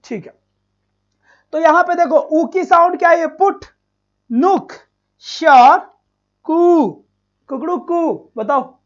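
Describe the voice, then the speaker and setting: A male teacher running a live online exam-prep class, energetic, heaping loud praise on students and firing off rhyming slogans. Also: very high voice, takes it slowly, pauses often, highs cut off.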